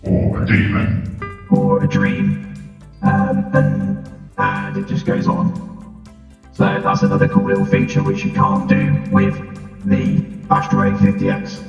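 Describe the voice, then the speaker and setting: A man's voice: a little high, huge pitch swings, unhurried, creaky, long pauses, heavily acted. A man demonstrating headset voice-changer effects, talking casually through a filter. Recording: echoey, dull, with music.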